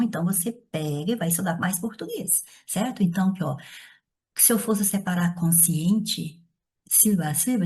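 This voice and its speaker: Mellow, husky-voiced woman teacher. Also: medium pitch. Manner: explains step by step while writing by hand; talks directly to the viewer, checking with "certo?". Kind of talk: essay-writing lesson.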